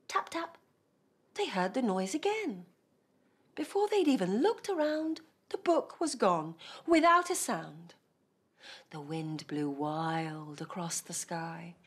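A husky, mid-range voice belongs to a woman in her thirties reading a rhyming bedtime story in a cosy studio. She keeps it gentle and hushed, frequently slipping into a whisper.

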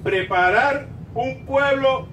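An older pastor with a Puerto Rican Spanish accent preaches emphatically from the pulpit of a small church sanctuary, moving between drawn-out emphasis and quieter asides. The recording sounds roomy, with a distant mic and rumbling background noise.

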